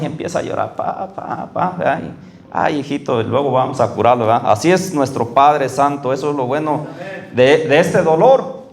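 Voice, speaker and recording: Man preaching in an echoey church. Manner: conversational, frequent "¿verdad?" checks with congregation; slows down and rises in pitch when reading scripture. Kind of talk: sermon. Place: church hall.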